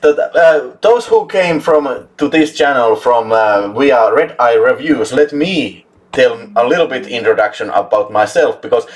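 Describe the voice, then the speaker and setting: A man's voice: medium pitch, expressive, normal speed, hardly any pauses. A man with a Finnish accent hosts a casual live chat with lots of energy. He laughs often and drops swear words for emphasis. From Finland. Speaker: host.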